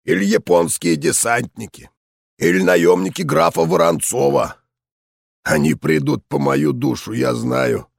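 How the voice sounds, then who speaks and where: A man doing a hoarse old blustering general. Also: medium pitch, animated, a little slow, no echo, studio quality, full character voice. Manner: blustering, shouting. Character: old hoarse veteran general, gruff and bellicose. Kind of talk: audiobook character voice.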